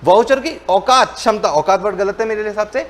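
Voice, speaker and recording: A man teaching a commerce class, speaking casually and mixing English terms into his speech. He acts out both sides of the lesson, switching his pitch to play the student's questions and then answering them himself. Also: fairly quick. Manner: colloquial, mixes Hindi with English terms. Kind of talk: lecture with role-played dialogue.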